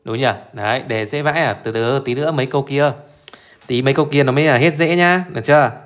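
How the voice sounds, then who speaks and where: A fast-talking man with a mid-range voice solves an exam live as a math teacher. His style is chatty and informal, full of short check-in questions he repeats to the listeners again and again.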